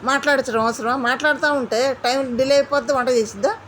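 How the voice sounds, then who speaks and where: A woman recapping a reality show in an indignant, animated commentary, mimicking the housemates she quotes. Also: high voice, fast, a little hiss or hum.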